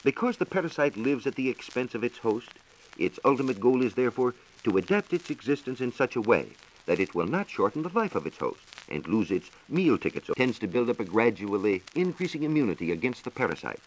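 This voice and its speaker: Speaking a little fast with a sing-song lilt at medium pitch, this American man reads a formal, scripted science talk for 1940s radio in declamatory fashion. He is a science reporter in a radio studio, heard on a hissy, low-quality transcription disc of the era.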